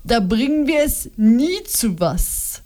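A woman reading a nervous, irritable innkeeper in an audiobook, defensive and deliberate. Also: on the high side, sing-song, dark tone.

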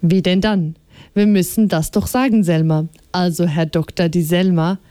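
A woman's voice: on the low side, steady tone, moderate pace, mellow, clear, resonant tone, no room sound, studio quality, lightly acted. A woman reading aloud and voicing a nervous middle-aged father who stammers through his explanations. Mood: tense. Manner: stammering, flustered.

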